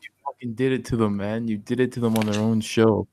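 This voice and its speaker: A man's voice: lowish voice, fairly quick, a little hiss or hum. A man joking and heckling from off camera during a live stream. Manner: teasing, crude, excitable. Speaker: off-camera guest. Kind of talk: casual chat.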